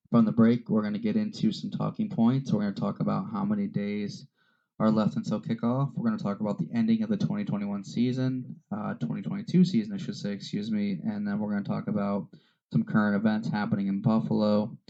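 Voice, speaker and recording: Earnest halting man, low flat voice. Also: gravelly, highs cut off. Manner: earnest, halting, with frequent fillers and self-corrections. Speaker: podcast host. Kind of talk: casual solo podcast talk.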